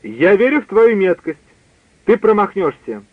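A man reading aloud who voices an excitable, edgy adult man, alarmed then taunting. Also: sits high, moderate pace, no echo, pitched above the performer's own voice. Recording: dry tinny phone-like line.

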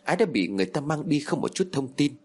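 A man reading a dramatic story as narrator, in a steady storytelling manner. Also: a little high, quick pace, husky. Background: faint music.

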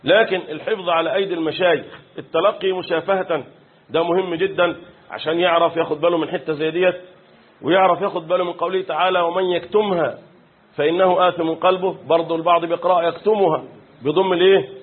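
Quick, high-voiced Egyptian Arabic teacher. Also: male voice, steady tone, slightly rough. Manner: quizzes students with rhetorical questions; recites verses in a chanted style. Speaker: Quran teacher. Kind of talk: Quran commentary lesson. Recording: phone-like lo-fi recording.

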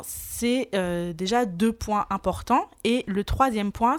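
Woman, association worker, earnest explainer, middle pitch, casual talk. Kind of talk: casual discussion.

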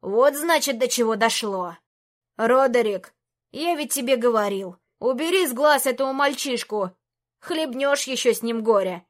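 A woman's voice: on the high side, expressive, a little slow. A woman voicing a grumpy old bearded court mage who scolds everyone around him. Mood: cranky scolding. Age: older. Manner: crotchety, bossy.

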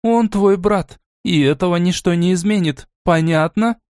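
A stern, aristocratic old grandmother played by a man speaks in a measured, cool, commanding way in this audiobook. Her voice sits a little high. The recording is dry and close. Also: darkish tone, clear, resonant tone, no room sound, close to an everyday voice. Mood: angry.

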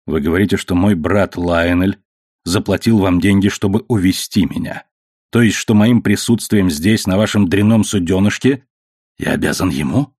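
Audiobook role: man reading a bitter chained gentleman, lowish voice, dry close sound. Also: moderate pace, breathy edge, no room sound. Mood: angry. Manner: bitter and accusing. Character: grim furious chained English gentleman.

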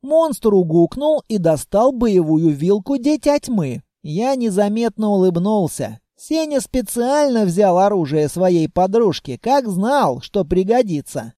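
A reader giving expressive first-person audiobook narration. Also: medium pitch, unhurried, hardly any pauses, no echo, clean studio sound.

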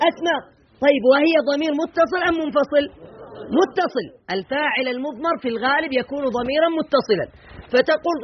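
Male teacher with a very high voice who drills and quizzes his class fast. Dull lo-fi recording. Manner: drills examples in rhythmic lists, quizzing students. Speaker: grammar teacher. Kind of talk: classroom grammar lesson with questions to students.

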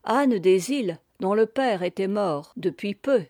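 Slow, mellow woman reading a story. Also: medium pitch, expressive, dry recording, studio quality. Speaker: audiobook narrator. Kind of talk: scripted narration.

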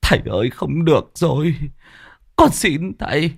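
A man acting as a panicked young villager, the eldest son of the family, whose voice rides high and climbs even higher as he begs through tears. The delivery swings wildly in pitch. It is close and dry, as in a storybook reading. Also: normal speed, dry recording, exaggerated voice. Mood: tearful pleading. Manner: frantic, pleading, tearful.

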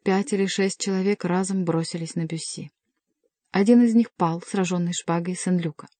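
A woman narrating an adventure novel as an audiobook reader, in an even, measured storytelling manner. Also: on the low side, dry recording. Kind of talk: scripted narration.

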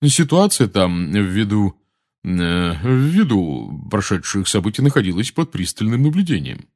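A man voicing a stern older woman judge who questions in a deep, formal way in an audiobook. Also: very animated, a little slow, a little mellow, exaggerated voice.

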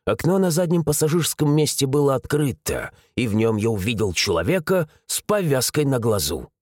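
A man reads a first-person audiobook with animated, dramatic delivery. His voice is husky and swings widely in pitch. The sound is dry and close. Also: dry recording. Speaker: audiobook narrator.

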